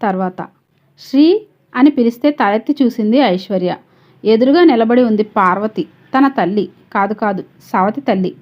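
A woman narrating a serialized story in a steady, measured reading manner. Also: mid-range voice, dull audio.

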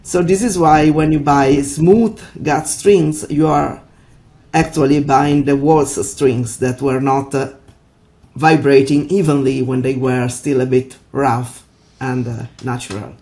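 Italian woman, italian accent, gravelly voice, guest on a video call, pauses for words. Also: extremely low pitch, fairly even intonation, mellow. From Italy. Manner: searching for words in a second language. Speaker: guest, violin maker. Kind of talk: interview answers. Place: home in the mountains.

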